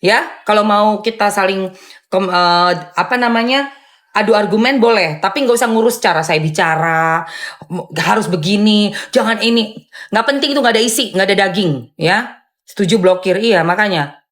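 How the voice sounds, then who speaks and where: A woman hosting a live stream and answering viewer comments in a loud, firm, blunt way, with sharp emphatic rises on dismissive phrases. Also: mid-range voice, moderate pace. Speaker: live-stream host and content creator.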